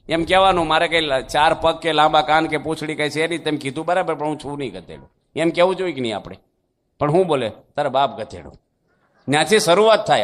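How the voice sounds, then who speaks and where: A man's voice: fairly high pitch, a bit bright. A man, a monk preacher, giving a devotional sermon in a folksy, conversational storytelling manner with rhetorical questions.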